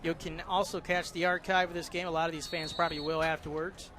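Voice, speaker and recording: A man calling play-by-play for a local alumni football game, chatty and lively on big plays. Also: on the high side, quick pace. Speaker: play-by-play announcer. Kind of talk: live local football commentary. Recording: noisy outdoor broadcast.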